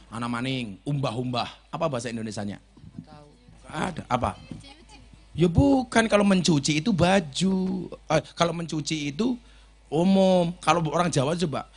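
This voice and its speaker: A man in his forties with a Javanese accent, giving a joking sermon to a crowd and teasing the people in front of him. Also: on the high side. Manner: joking, switching between Indonesian and Javanese, teasing the audience. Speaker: preacher. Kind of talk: comic sermon to a live crowd.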